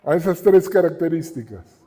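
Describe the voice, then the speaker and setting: A man's voice: fairly high pitch, animated, moderate pace, dark tone. A middle-aged man with a Mexican Spanish accent, preaching a sermon with emphatic repetition and rhetorical questions. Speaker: pastor. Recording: reverberant hall.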